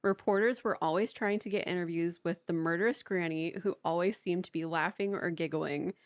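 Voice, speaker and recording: Brisk and fairly low-pitched, this female podcast co-host chats her way through a story, full of "like" and frequent laughter. There's no room sound, and the audio is dry, dull and lo-fi.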